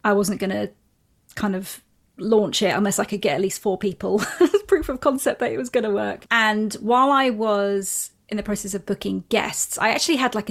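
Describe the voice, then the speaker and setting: Chatty woman guest on a podcast, mid pitch, some vocal fry. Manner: chatty, quick asides and quoted thoughts. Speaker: podcast guest, former entertainment journalist. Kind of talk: conversational interview answers.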